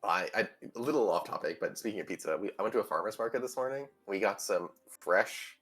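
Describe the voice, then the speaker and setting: A man's voice: on the low side, quick pace, a bit bright, slightly rough, faint music behind. A man casting a card game tournament stream, casual and teasing, laughing often. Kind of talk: casual stream commentary chat.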